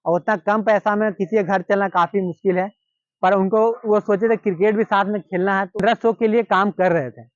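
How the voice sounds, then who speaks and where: Brief: Indian man, high voice, casual storyteller who repeats himself; dry, dull lo-fi sound. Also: fairly even intonation, fairly quick, dry recording. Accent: Hindi-speaking Indian. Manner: repetitive, conversational retelling with quoted dialogue. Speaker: cricket storyteller.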